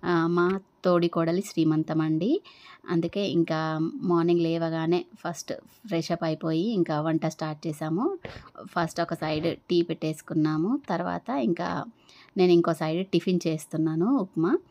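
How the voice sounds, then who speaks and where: A woman's voice: on the low side, moderate pace, warm tone, no room sound. A young adult woman narrating her vlog in a chatty way, with many fillers. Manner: conversational, uses many fillers. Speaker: vlogger.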